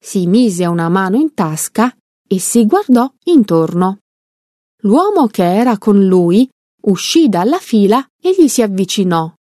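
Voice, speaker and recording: A woman narrating a story aloud in a slow, careful reading. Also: medium pitch, big pitch swings, dark tone, no room sound, clean studio sound.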